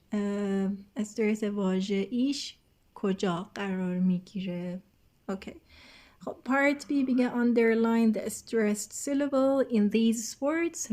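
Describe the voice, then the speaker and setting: A woman with a slightly high voice leads a recorded textbook lesson. She explains patiently, pausing often on drawn-out fillers. She reads English words slowly and leans hard on the stressed syllables. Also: a little mellow. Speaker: English teacher.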